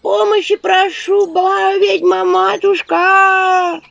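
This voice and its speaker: A woman's voice: very high voice, little pitch movement, takes it slowly, vocal fry, fairly bright tone, voice pushed up, full character voice. A woman voicing a sly, fawning village woman with a syrupy, wailing way of pleading. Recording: dull audio with faint noise.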